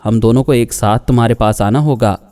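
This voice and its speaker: A man's voice: mid-range voice, brisk, mellow, dry recording, soft background music, natural voice. Man voicing a coaxing, anxious young man. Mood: placating.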